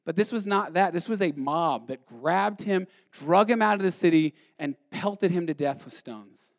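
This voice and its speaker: A man preaches to his congregation in a high-pitched voice. He tells the story with animated energy, acts out the voices and swings between loud passages and hushed ones. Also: moderate pace. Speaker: pastor. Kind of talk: sermon.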